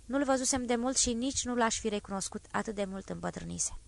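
A woman voicing a grave male exile who recounts an execution in a low, even, measured tone. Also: vocal fry, no echo. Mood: somber. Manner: measured, somber retelling.

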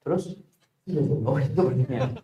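A man preaching a sermon and answering questions, leaping into a high voice for emphasis. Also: moderate pace, slight background noise. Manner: animated, jumps to high pitch for emphasis. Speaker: Islamic preacher. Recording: echoey hall.

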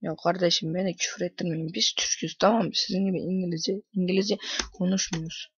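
Teen male gamer, ranting commentary, breathy, dry muffled home recording. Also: high-pitched, steady tone, quick pace, fairly bright tone, no echo. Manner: frustrated, swears often, rants at the game. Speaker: gaming YouTuber. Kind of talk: casual gameplay commentary.

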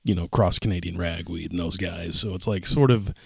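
Hesitant, low-voiced man journalist. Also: steady tone, a little fast, gravelly, fairly bright tone, slightly rough, dry recording, clean studio sound. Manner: hesitant, searching for words, many fillers. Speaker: journalist on a newsroom podcast. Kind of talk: casual newsroom chat. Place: studio.

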